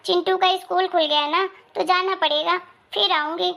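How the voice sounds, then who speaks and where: A woman's voice: very high voice, fairly even intonation, moderate pace, vocal fry, a bit bright, exaggerated voice. A woman voicing a quarrelsome young married daughter. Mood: scolding. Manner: complaining, scolding. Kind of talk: Hindi moral story voice acting.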